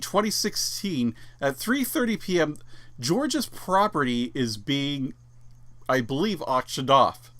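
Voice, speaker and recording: A man's voice: medium pitch, fairly bright tone. A young man giving rambling, mocking commentary as a vlogger, full of fillers and asides. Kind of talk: casual commentary.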